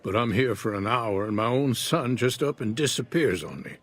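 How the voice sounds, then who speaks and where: Gruff game rancher: husky, mid-pitched, middle-aged, folksy and worried. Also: male voice, animated, moderate pace. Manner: folksy, plain-spoken. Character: gruff, worried male rancher father in a western wasteland. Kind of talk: video game character dialogue.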